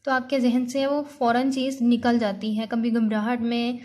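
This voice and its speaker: A woman teaching an English vocabulary lesson, drawing out each word slowly before explaining it quickly. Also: a little high, level tone, darkish tone. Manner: slow, drawn-out word readings followed by quick explanations.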